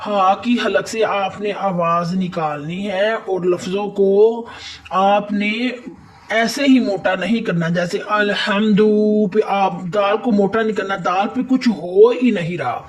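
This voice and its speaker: A woman gives a recitation lesson, going through each rule one at a time. She speaks patiently and repeats herself so learners can follow along. Her explanations come at a brisk, steady clip. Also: mid-range voice. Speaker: Quran recitation teacher.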